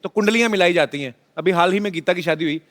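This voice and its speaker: A man's voice: high-pitched, fast, fairly bright tone. A man hosting a comedy talk show, teasing his guests and telling funny stories about his family. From Punjab, India. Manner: playful, teasing storyteller. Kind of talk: joking anecdotes and interviewing guests. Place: TV studio with a live audience. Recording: reverberant studio with audience murmur.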